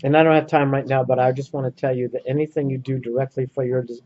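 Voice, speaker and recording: A man leading a workshop, telling a story to a small audience in an earnest, animated way. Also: medium pitch, fast. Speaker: workshop leader. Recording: muffled lo-fi recording.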